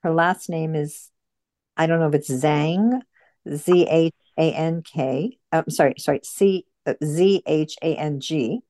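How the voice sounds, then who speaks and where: A woman with a low, mellow voice hosts a casual book group chat, her speech halting and her phrases often repeated.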